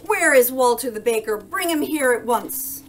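A woman's voice: a little high, expressive, quick pace, a little mellow, soft background music, voice pushed up, natural voice. Woman voicing a roaring, imperious storybook Duke. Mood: furious, roaring. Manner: roaring, commanding. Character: angry, imperious male Duke, loud and commanding. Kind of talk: children's storybook read-aloud.

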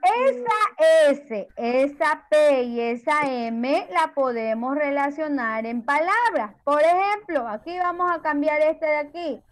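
High-voiced patient teacher. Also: female voice, lively intonation, slow pace, few pauses. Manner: patient, affectionate, full of diminutives. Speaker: preschool teacher. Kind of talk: online class for young children.

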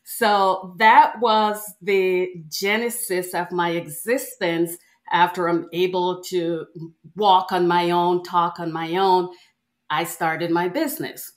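Slow, cheerful woman from Jamaica. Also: fairly low pitch, flat delivery. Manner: cheerful, unhurried, laughs easily. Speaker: podcast guest. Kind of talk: conversational interview storytelling.

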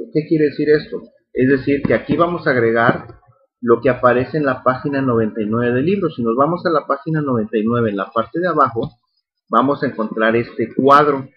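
A man's voice: medium pitch, slightly rough. A man teaching a screen-recorded spreadsheet tutorial, patient and repetitive, often checking in with his students. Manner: patient, repeats steps, checks in with "ok". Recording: slightly dull recording with faint noise.

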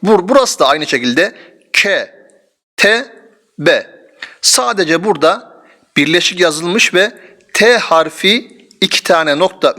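A man's voice: fairly high pitch, bright, forceful tone. A man teaching a Quran reading lesson, patiently sounding out each syllable and repeating it. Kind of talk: slow step-by-step recitation lesson.

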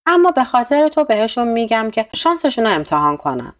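A woman's voice: fairly high pitch, big pitch swings. A woman doing a kind old sea captain. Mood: modest. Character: kind older male ship captain.

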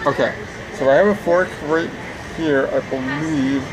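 With music playing in the background, a man in his thirties casually and eagerly reviews food to camera between bites, seated at an outdoor theme park table. He has a slightly high voice and a measured pace. The outdoor recording is noisy and has a background hum.

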